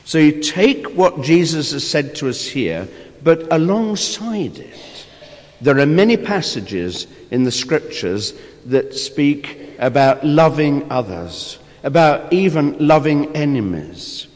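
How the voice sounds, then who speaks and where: A man preaching and reading scripture as a priest, with a measured, solemn delivery in a large echoing church. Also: a little high, big pitch swings. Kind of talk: Gospel reading and homily. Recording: long cathedral echo, reverberant church.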